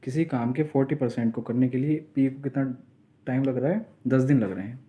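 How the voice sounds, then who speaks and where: A man teaching exam math step by step, reading each question slowly and then explaining it. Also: medium pitch, dark tone, breathy edge. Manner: explains step by step, often asks and answers himself; reads English question text slowly, then explains it in Hindi. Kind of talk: exam-prep math lesson.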